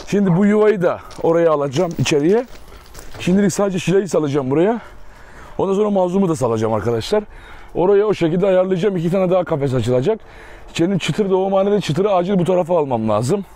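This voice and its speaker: A man's voice: sits high, dark tone. A man vlogging casually from an outdoor dog yard, chatting to viewers and coaxing and teasing his dogs. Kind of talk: casual vlog talk to viewers. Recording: outdoor clip with noise and barking.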